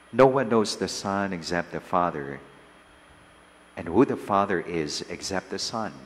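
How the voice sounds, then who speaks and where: A man with a Filipino accent, a priest reading the gospel and preaching at Mass in slow, measured phrases, his voice ringing with cathedral echo. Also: deep voice. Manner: slow, measured delivery with long pauses. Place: large church. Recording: long church reverb, faint hiss.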